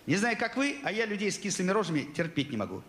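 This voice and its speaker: A man's voice: high voice, sing-song, fast, fairly bright tone, reverberant, slight background noise. A man telling a comic story on stage as a chatty, boastful prankster, with an audience listening. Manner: chatty, boastful joker telling tall tales. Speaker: stand-up comedian.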